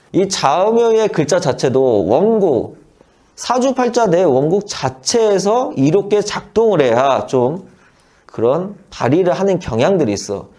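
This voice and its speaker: A man's voice: mid-range voice, warm tone. A middle-aged man teaching saju in a casual, blunt lecture, swearing and acting out short exchanges. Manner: blunt, slangy, swears, acts out quick quoted exchanges.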